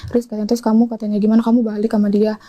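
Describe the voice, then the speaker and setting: A woman's voice: medium pitch, little pitch movement, racing, dark tone. A woman, giving an emotional personal account as an interview guest and acting out quoted dialogue in rising, pleading tones.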